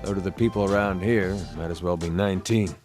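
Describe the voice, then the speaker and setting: A man's voice: sits low, brisk, darkish tone, lightly acted. A man voicing an easygoing wandering good old boy with a Southern US accent for a video game. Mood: wry, easygoing. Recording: music behind the voice.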